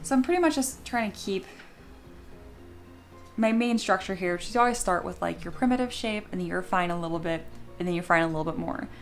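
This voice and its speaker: Over faint music, a 3D sculpting teacher and livestream host talks through her tutorial in a lowish, expressive voice at a quick pace. She sounds sleepy and a bit scratchy, her voice not yet warmed up, and she keeps things informal and chatty, thinking aloud to herself and her viewers.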